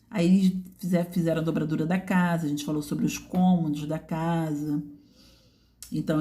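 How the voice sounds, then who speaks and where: A woman's voice: fairly low pitch, warm tone. A woman teacher, walking through a student's writing portfolio in a didactic way and often checking in with her listeners. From Brazil.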